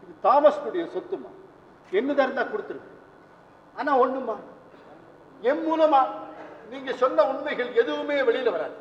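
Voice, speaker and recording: Soft-spoken fatherly priest, high voice, echoey hall, dull old tape. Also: expressive, moderate pace, long pauses, a little hiss or hum. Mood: gentle. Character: gentle kindly priest, male, calm. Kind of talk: 1970s stage play. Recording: roomy hall, dull lo-fi old stage recording.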